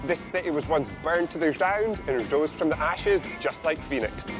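A man's voice: fairly high pitch, lively intonation, normal speed. A young adult man hosting a travel show, chatting casually and laughing often in a barbershop. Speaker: host. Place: indoor barbershop. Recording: music bed under speech. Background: background music.

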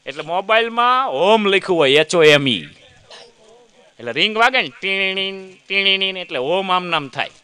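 Lively storyteller man. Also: high-pitched, normal speed, clear, resonant tone. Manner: chatty storyteller, acts out lines, teases the audience. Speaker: comedian. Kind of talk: comic stage monologue.

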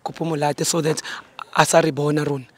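High-voiced South African man hosting. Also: little pitch movement, fast, husky. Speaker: vlog host confronting a debtor. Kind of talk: street confrontation vlog, mixing languages.

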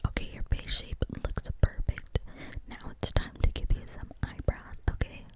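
A young woman whispers right up against the microphone in a whispered role-play. She plays a playful face painter tending to a client. Her delivery is soft, breathy and unvoiced, in a tingly ASMR style with mouth sounds. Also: moderate pace. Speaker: ASMR artist. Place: small room indoors. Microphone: desktop condenser microphone held very close.

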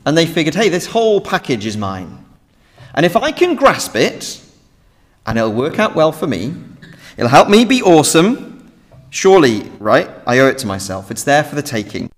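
A man's voice: fairly high pitch, very animated, moderate pace. A young British man preaching an earnest, emphatic sermon from a lectern in a large church hall. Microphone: standing at a lectern, lectern mic. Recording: reverberant hall.

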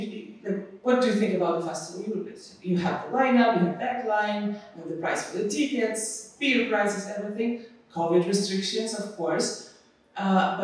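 A woman's voice: mid-range voice, a little mellow, far from the mic. A woman, speaking as a conference panelist in an earnest, explanatory way. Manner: earnest, explanatory, gesturing with free hand. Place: conference stage in a hall. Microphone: handheld mic. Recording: echoey hall, mic heard from afar.

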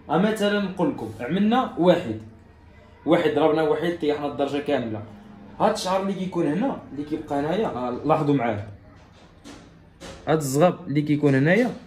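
A barber with a Moroccan accent walks his viewers through a haircut in a barbershop salon, explaining each step and then repeating it directly to them. His voice is fairly high and darkish, with a roomy sound and a faint hiss or hum.

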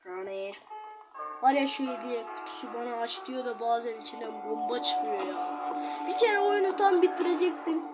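A woman giving chatty, excitable gameplay commentary, talking straight to her viewers. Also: fairly high pitch, normal speed, music in the background. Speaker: gaming channel host.

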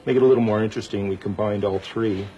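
A man's voice: on the low side, steady tone, fast, mellow, highs cut off. A man speaking as an animation layout artist, explaining his work in a documentary interview. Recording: noticeable background noise.

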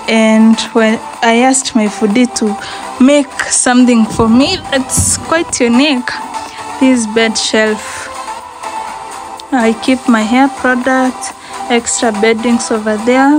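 Young Kenyan woman, chatty home-tour vlogger, unhurried, slightly high voice, handheld phone sound, faint music under. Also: rough recording. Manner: chatty, mixes in Swahili phrases. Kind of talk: house tour vlog. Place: small apartment bathroom and bedsitter, indoors. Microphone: phone camera held in hand.

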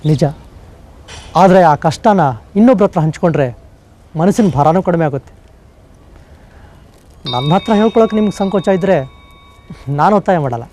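An actor playing a kindly, concerned friend who speaks gently and coaxingly, in a TV serial. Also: male voice, high-pitched, animated, moderate pace, long pauses, slight background noise. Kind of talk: TV serial acting.

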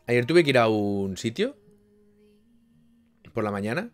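A young man talks loosely to his stream audience, restarting sentences and breaking into sudden loud bursts. His voice sits at an ordinary middle pitch for a man. Soft music plays faintly in the background. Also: sing-song, unhurried. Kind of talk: casual live-stream chat with viewers.

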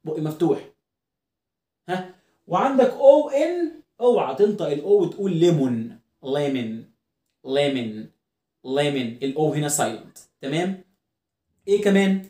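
A man's voice: sits high, sing-song, normal speed, pauses often, mellow. Egyptian man teaching phonics, echoey room. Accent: Egyptian Arabic. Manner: drills words by repetition, asks the listener questions. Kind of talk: online phonics lesson.

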